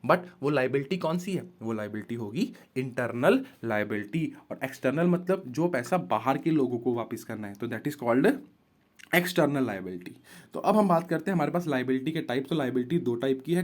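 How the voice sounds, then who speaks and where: A man teaching an accounting class, asking the class questions and answering them himself, mixing English terms into Hindi. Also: mid-range voice. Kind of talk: classroom lecture.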